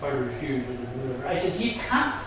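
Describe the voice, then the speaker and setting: A man's voice: mid-range voice, big pitch swings, brisk. A man with a Belfast accent, casually and bluntly explaining things to visitors as a Freemason guide. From Northern Ireland. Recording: echoey hall from far off, with background noise.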